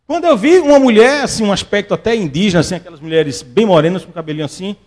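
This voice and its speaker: A male pastor, preaching a sermon and telling stories with lively acted-out voices. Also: high-pitched, quick pace. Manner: animated storytelling, acts out quoted voices.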